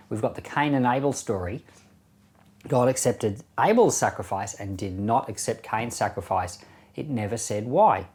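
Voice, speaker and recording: Chuckling pastor reading and commenting. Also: male voice, mid-range voice. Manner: relaxed conversational delivery with frequent soft chuckles; reads verses slowly and deliberately.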